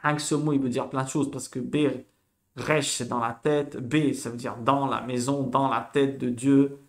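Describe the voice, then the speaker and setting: A man giving a casual spoken lesson, animated and repetitive, spelling out sounds slowly for learners. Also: mid-range voice. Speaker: Hebrew teacher.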